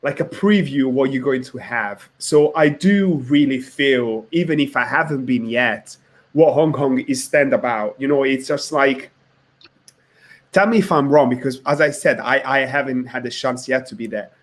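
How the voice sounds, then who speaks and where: A man's voice: medium pitch, normal speed. A man hosting a podcast interview, asking questions while repeating himself and searching for words. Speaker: podcast host.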